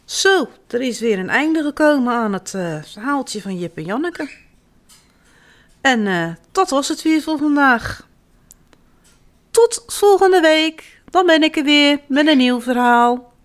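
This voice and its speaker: Woman storyteller for children; expressive, animated, sing-song reading. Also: sits high, slow pace. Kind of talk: reading children's stories aloud.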